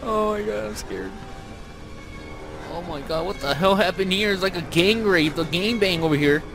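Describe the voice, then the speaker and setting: A man's voice: high voice, normal speed, creaky. A young man giving let's-play commentary on a horror game, jumpy and swearing, with nervous laughs. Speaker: gamer playing a horror game. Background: game music.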